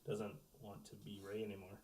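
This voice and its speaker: A man's voice: on the low side, completely flat delivery, a little fast, darkish tone, slight background noise. A young man in casual podcast chat, teasing and crude, laughing often. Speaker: podcast co-host. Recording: echoey room, distant mic.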